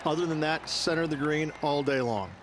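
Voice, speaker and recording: A man's voice: fairly high pitch, brisk, crowd noise, background noise. A man giving analytical golf commentary, explaining how the course should be played.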